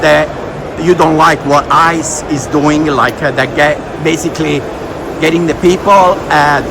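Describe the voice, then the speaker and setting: A man with an Italian accent asking passers-by questions in a halting, searching way. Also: fairly high pitch, fairly even intonation, creaky. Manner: halting, searching for English words. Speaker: street interviewer. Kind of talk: street interview questions. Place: city street outdoors. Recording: loud street noise outdoors.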